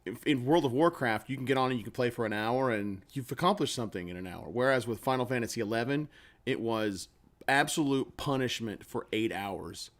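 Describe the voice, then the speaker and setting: Rambling man with a middle-pitched voice. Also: brisk. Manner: rambling, heavy use of "like". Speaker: podcast co-host, game master. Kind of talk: casual podcast chat.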